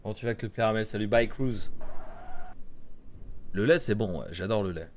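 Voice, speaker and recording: A man's voice: lowish voice, moderate pace, slight background noise. A young man commentating a horror game, joking crudely and putting on silly voices for the characters. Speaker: gaming streamer. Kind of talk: casual let's play commentary.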